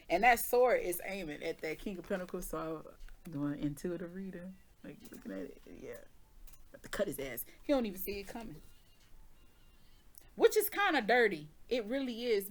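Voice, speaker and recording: A woman doing a casual tarot reading who talks candidly, jokes, laughs often and swears now and then. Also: medium pitch. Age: adult with children. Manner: candid, joking, with frequent laughs and mild swearing. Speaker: tarot reader.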